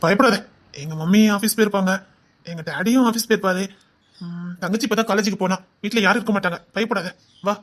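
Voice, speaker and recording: A woman doing a smooth-talking schemer lad. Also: medium pitch, quick pace, natural voice. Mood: coaxing. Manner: soft, coaxing, falsely reassuring. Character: scheming young male college rich boy. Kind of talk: Tamil audio drama acting.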